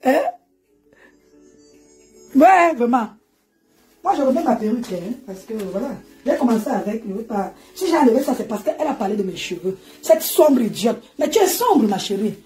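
A woman's voice: fairly high pitch, big pitch swings, moderate pace, long pauses, darkish tone, faint music behind. A woman ranting and mocking on a live stream from home, laughing often as she talks into her phone. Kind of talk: animated Facebook live rant.

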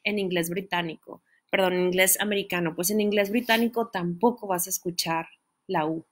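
A woman's voice: lowish voice, steady tone, a little fast. A woman teaching an online pronunciation lesson, explaining step by step and often checking in with her listeners. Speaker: English teacher.

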